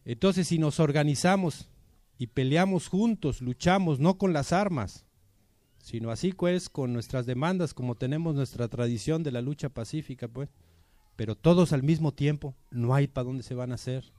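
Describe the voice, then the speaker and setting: A man's voice: fairly high pitch, moderate pace, dark tone, dry recording, clean studio sound. A man with a Mexican accent giving an informal political speech to a community assembly, colloquial and persuasive, with many rhetorical questions. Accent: Mexican Spanish.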